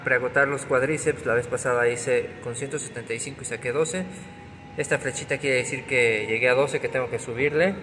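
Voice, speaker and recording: A fitness vlogger in his thirties talks casually like a gym bro, explaining his workout while filming on a handheld phone held at arm's length inside a large gym. His mid-range voice is pushed and bright, and gym ambience is clearly audible in the background.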